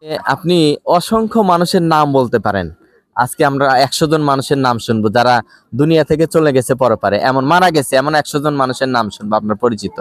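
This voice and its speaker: A man's voice: mid-range voice, animated, brisk, dry recording. A man from Bangladesh hosting a field interview and narrating to viewers in an earnest, presenting way, recorded outdoors at a village medical camp. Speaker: host.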